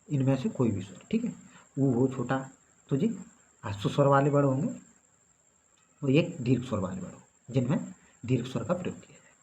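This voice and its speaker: A man's voice: mid-range voice, darkish tone. A man teaching a grammar lesson. He explains step by step and keeps checking in with his students. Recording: slightly dull recording with faint background noise.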